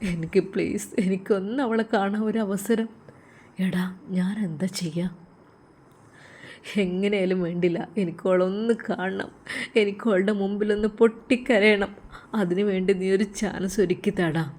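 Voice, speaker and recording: A woman voicing a heartbroken young man who weeps and pleads, sometimes dropping to a hushed, begging tone. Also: mid-range voice, fairly even intonation, normal speed, natural voice. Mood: hushed pleading. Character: young man, heartbroken, weeping for his lost bride.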